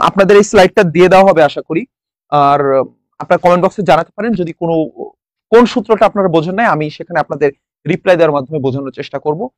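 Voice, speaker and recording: In a high voice on a dry recording, a young Bangladeshi online tutor runs a live exam-prep session, firing questions at students and going back over the answers.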